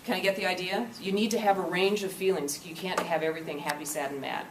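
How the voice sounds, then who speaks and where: A woman with a fairly low, fairly even voice talks fast while leading an interactive workshop, often checking understanding with "okay?". She's recorded by a distant camcorder in a classroom or meeting room, so the sound is echoey with a noisy background.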